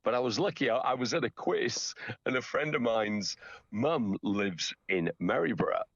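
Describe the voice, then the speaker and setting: A middle-aged man chatting casually as an interview guest, telling anecdotes in an animated, storytelling way. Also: medium pitch, moderate pace, no echo, highs cut off. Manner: chatty, animated storyteller who acts out quotes. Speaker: interview guest, champion town crier.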